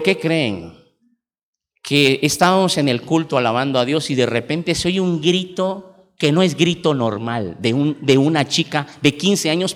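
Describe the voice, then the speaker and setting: A Mexican pastor in his forties with a high voice, preaching in an animated, emphatic storytelling style. His words carry through the long reverb of a large church hall. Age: 40s. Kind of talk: sermon.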